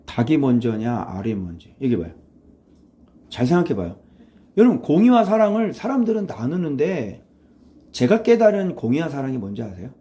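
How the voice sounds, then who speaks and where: A male pastor gives a morning sermon, his voice dark and mellow. His pitch swings widely as he poses rhetorical questions and briefly acts out the voices he quotes. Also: normal speed. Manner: animated, conversational preaching with rhetorical questions; acts out quoted voices, switches to blunt informal speech.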